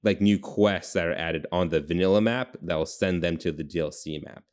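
Very deep-voiced man rambling casually. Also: moderate pace. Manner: rambling, heavy use of "like". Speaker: podcast co-host. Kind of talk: casual brainstorming chat.

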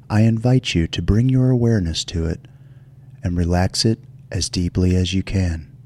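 A man hosting a guided relaxation meditation in a soft, soothing, gentle delivery. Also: low voice. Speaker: show host.

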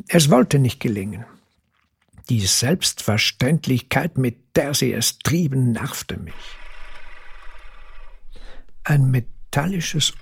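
Casting: male author-reader, raspy and gravelly, dry first-person storytelling. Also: fairly high pitch, a little mellow. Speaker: author reading his own short story.

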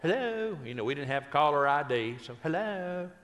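Speaking fast in a mid-range, steady voice with a fairly bright tone, a man does stand-up storytelling for a live audience. He tells folksy stories from the stage in a chatty way and teases the crowd. The sound has a big-room quality.

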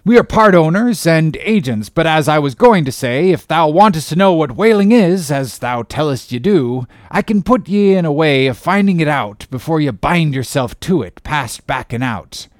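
A man voicing a gruff, suspicious old male sea captain who blusters loudly in old-fashioned speech. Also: animated, normal speed, hardly any pauses, no echo, studio quality, close to an everyday voice. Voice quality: loud, booming, archaic speech.

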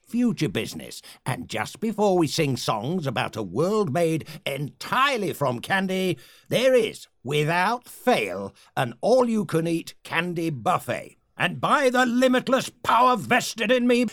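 A gravelly, pompous cult leader. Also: male voice, no echo. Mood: menacing. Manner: theatrical, booming speeches, easily irritated. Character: pompous grandiose male cult leader, short-tempered. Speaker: leader of a candy-loving secret society. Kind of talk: comedic audio sketch.

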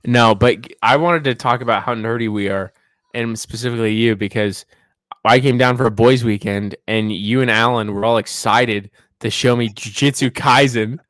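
A man's voice: medium pitch, steady tone, moderate pace, fairly bright tone, no room sound. A man chatting casually as a podcast co-host in a joking, slangy frat-bro way. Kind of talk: casual banter.

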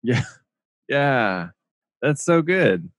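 A man's voice: mid-range voice, big pitch swings, extremely slow, no echo, studio quality. A man hosting a podcast, talking casually in a rambling way and laughing often. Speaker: podcast host.

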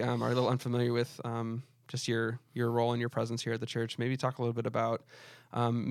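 A man's voice: mid-range voice, no room sound, clean studio sound. A young man hosting a church podcast, chatting with a guest in a friendly way with many fillers. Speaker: podcast host, church staff. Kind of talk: casual podcast interview.

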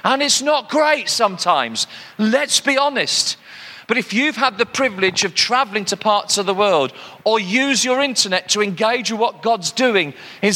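An older man from Britain delivers a sermon with a high, bright voice that rings out. His delivery is conversational, with joking asides to the congregation. The long reverb of a large hall hangs on every phrase. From United Kingdom. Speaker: preacher.

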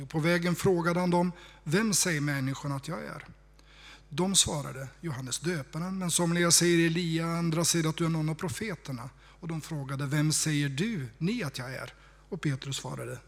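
Man, sermon, reflective, hushed emphasis, breathy tone. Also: a little high. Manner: conversational, reflective, dropping to hushed tones for emphasis. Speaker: preacher.

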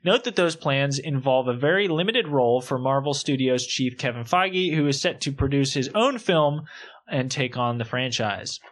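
A man co-hosting a casual podcast, reading news items aloud in a lively, animated way. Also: medium pitch, normal speed. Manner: lively, breaks into giggling fits. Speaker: podcast co-host.

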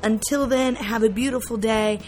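A woman's voice: a little high, steady tone, normal speed, darkish tone, faint music behind. A woman in her thirties hosting a podcast, chatty and laughing often. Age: 30s. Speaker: podcast host. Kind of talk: casual interview chat.

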